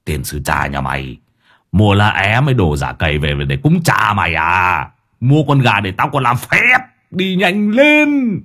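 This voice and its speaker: A man voicing a foul-mouthed older male exorcist who barks orders gruffly. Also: a bass voice, very animated, moderate pace, exaggerated voice. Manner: gruff, cursing, bossy.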